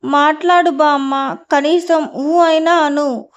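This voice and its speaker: Woman reading a scared young woman pleading urgently, high voice, slow delivery, dull lo-fi audiobook sound. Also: steady tone. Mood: frightened. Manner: urgent, anxious calling out.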